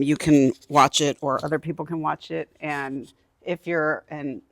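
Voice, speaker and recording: Gravelly-voiced woman in her fifties presenting. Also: low-pitched, no echo, studio quality. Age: 50s. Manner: relaxed and chatty, thinking aloud. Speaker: therapist giving a conference talk. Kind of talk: conversational presentation. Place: conference room.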